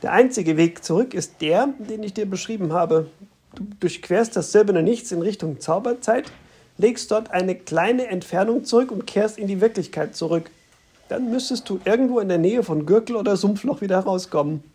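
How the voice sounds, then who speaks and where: A narrator giving voice to a patient, knowing man who explains things calmly and steadily. The voice is husky and breathy, at a middling pitch, in a read-aloud story. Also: moderate pace. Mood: explaining. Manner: calm, explaining. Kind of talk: audiobook reading.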